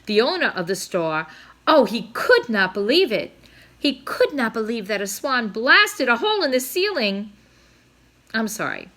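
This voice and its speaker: Pushed and bright, this storybook reader's slightly high voice has big pitch swings and a somewhat slow pace. She reads a children's novel expressively and dramatically, stressing sound words and slipping in brief asides.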